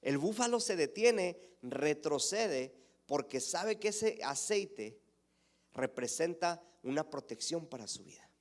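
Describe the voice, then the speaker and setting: A male pastor preaching a sermon, asking the congregation questions and swinging between emphatic raised lines and hushed near-whispers. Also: on the high side, very animated, takes it slowly.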